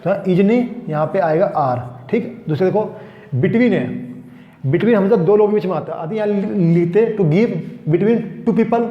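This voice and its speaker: A man's voice: high-pitched, lively intonation, moderate pace. A male grammar teacher, explaining step by step to students in a classroom lecture. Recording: echoey dull room sound.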